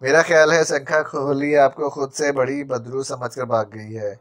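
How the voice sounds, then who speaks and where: A man's voice: mid-range voice, fairly even intonation, a bit bright, natural voice. A man voicing a stammering, jumpy manservant. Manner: stammering, quick-tongued sarcasm. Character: jittery comic male servant, quarrelsome.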